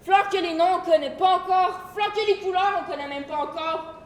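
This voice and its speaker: Une élève au fort joue une jeune femme en deuil qui parle par phrases hachées, sans mots de liaison, sur une scène de théâtre scolaire. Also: female voice, very high voice, steady tone, moderate pace. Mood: distraught. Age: teens. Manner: clipped, dropped-word phrasing. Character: grieving young woman, broken clipped speech. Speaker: student actor. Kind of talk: school stage play. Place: school theatre stage. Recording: echoey hall, audible room noise.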